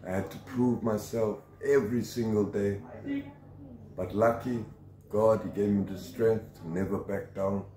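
Speaking unhurriedly in a lowish, mellow voice with fairly even intonation, a South African interviewee in his forties forcefully and convincingly describes his life. The poor, reverberant phone-camera audio, shot up close at an outdoor shelter against corrugated metal, carries slight background noise.

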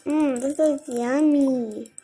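Casual, childlike murmuring comes from a young girl thinking aloud over her gameplay. She speaks slowly in a high-sitting, warm voice, with faint music behind. The setting is indoors at a computer, its screen captured by a camera.

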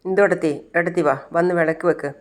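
A man's voice: high-pitched, steady tone, fast talker, close to an everyday voice. A man voicing an eager young woman from a TV serial, coaxing people to come inside. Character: young woman welcoming a bride home.

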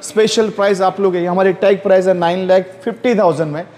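High-pitched slick Indian car salesman. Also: steady tone, fast talker, a little mellow. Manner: slick salesman patter, repetitive special-price pitching. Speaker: used car dealer. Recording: reverberant hall-like echo.

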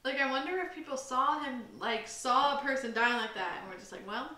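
A woman's voice: sits high, animated, brisk, sharp tone. A young woman co-hosting a casual podcast, rambling and self-deprecating with many fillers. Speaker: podcast co-host. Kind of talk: casual chat. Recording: roomy, slightly distant mic with faint hiss.

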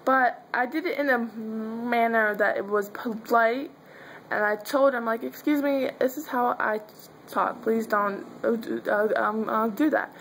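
A young Pennsylvania woman who stutters, with blocks, repeated sounds and fillers, talks casually to her viewers in a video diary from a dim bedroom. Her voice is a little high, steady and fairly bright at a measured pace. The rough recording, from a webcam or phone held close, carries a little hiss or hum.

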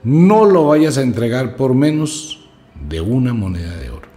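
A man's voice: mid-range voice, sing-song, a little slow, dark tone, voice pushed up. A man voicing a grumpy, aggressive little old male magician in a told story. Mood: insistent. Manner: gruff, snapping, scatterbrained.

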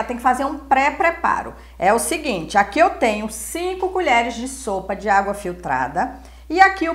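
A woman in her forties hosting a cooking show in a home kitchen, teaching step by step in a patient, repetitive way. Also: sits high.

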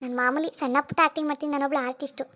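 A woman voicing a young hired actress in a cartoon, calm, frank and matter-of-fact. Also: high voice, very fast. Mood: explaining. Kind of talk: animated cartoon dialogue.

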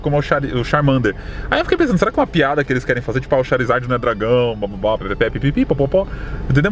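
A man with a Brazilian accent giving casual, excitable commentary on a mobile game, often exaggerating his emotions. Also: mid-range voice, a little hiss or hum. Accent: Brazilian Portuguese. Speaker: Pokémon GO vlogger. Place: outdoors at night, then indoors.

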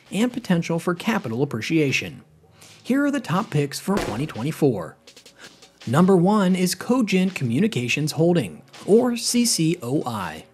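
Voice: medium pitch, a little mellow. A narrator reading a scripted explainer on investing, moving steadily through a numbered list.

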